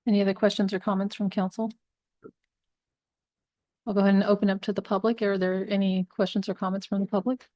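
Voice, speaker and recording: A woman mayor chairing a council meeting, briskly calling for questions and comments. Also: mid-range voice, level tone, warm tone, dry recording. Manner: brisk, formal procedural.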